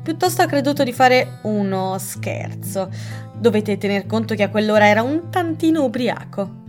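A woman reading aloud and voicing a shrewd, gentle elderly spinster who speaks in a calm, measured way. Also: medium pitch, soft background music, lightly acted.

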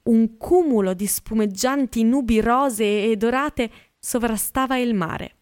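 A woman narrating a literary audiobook in a measured, expressive reading. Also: a little high, clean tone, no echo, clean studio sound.

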